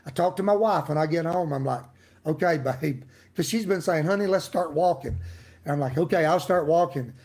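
A man's voice: fairly high pitch, brisk, darkish tone. A middle-aged man preaching a casual daily devotional in a folksy, emphatic way, with laughs and asides to his listeners. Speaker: pastor giving a daily devotional.

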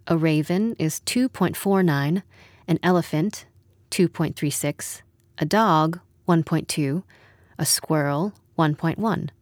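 A woman narrating a literary story in a measured, wry storytelling manner. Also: low voice, no room sound, studio quality. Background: music.

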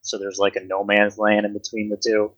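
A man narrating a tabletop fantasy game as game master, conversational and halting as he improvises scenes. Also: lowish voice, monotone, dry recording, highs cut off.

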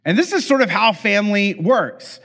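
Middle-aged pastor, loose and joking storyteller, slightly high voice, echo of a large hall. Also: male voice, expressive, moderate pace, a bit bright. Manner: conversational, joking, many fillers and restarts. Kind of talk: humorous storytelling sermon. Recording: long hall reverb.

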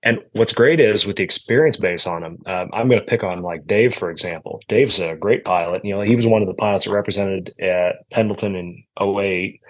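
A man who coaches aerobatic pilots, chatting casually on a podcast and telling lively stories about his team. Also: low-pitched, fairly quick, few pauses, low-quality recording. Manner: animated storytelling.

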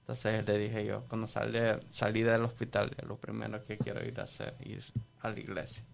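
A man from El Salvador telling his faith story on a church podcast, halting and earnest, full of restarts. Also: lowish voice, monotone, gravelly, faint music behind. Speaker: podcast guest sharing testimony. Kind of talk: casual church podcast talk.

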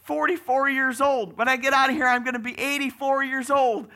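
A despairing escaped convict , put on by a man in a sermon, wails about his extra years in a strained, high voice. The tone is bright with a gravelly edge, and it keeps climbing in anguish. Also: steady tone, brisk, exaggerated voice. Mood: dismayed.

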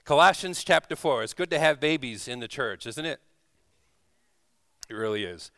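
At normal speed and with lively intonation, a man of medium pitch preaches a folksy, informal sermon live in church, his voice pushed and bright. As a visiting church leader, he reads scripture, prays, and keeps checking in with tag questions; the audio is studio quality with no room sound.

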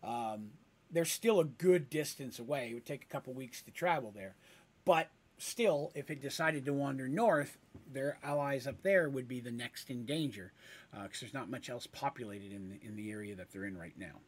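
A man's voice: mid-range voice, animated, normal speed, husky. A man narrating a fantasy tabletop story in a casual, rambling way.

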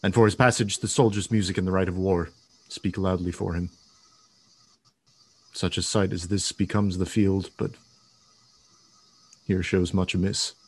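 A man's voice: deep voice, steady tone, unhurried, long pauses, darkish tone, slightly rough, full character voice. A man acting a grave, commanding warrior prince in a Shakespearean tragedy.

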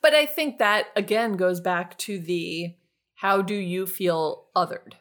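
A woman in her thirties, co-hosting a relaxed podcast conversation with a slightly low voice. She tells stories with animated energy and leaps into loud, shouted quotes when acting out other people. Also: slow pace. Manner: animated storyteller, acts out quotes with big shouts. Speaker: podcast co-host. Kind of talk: casual chat.

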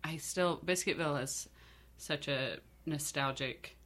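Low-voiced woman from North Carolina. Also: a little slow, a bit bright. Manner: laughs often, rambling storytelling with fillers. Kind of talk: casual chat.

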